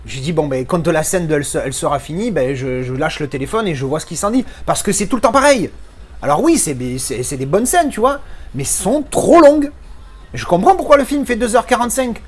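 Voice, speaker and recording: A man's voice: high-pitched, lively intonation, fairly quick. A man speaking French as his first language gives a casual spoken film review, ranting and swearing with frequent restarts.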